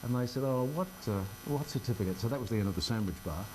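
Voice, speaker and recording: An older Australian man who works as a local radio presenter chats informally in a casual interview in a radio studio, wry and self-deprecating. His medium-pitched voice is expressive and fast, with background noise audible.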